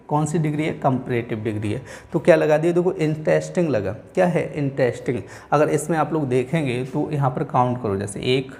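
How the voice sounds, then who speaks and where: A man teaching English grammar in a Hindi-language class, with an Indian accent, who keeps repeating "theek hai" and slows down to read example sentences word by word. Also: on the high side, creaky, a little mellow. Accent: Indian English, Hindi-speaking. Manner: repeats "theek hai" and "aap log dhyan rakhen" often.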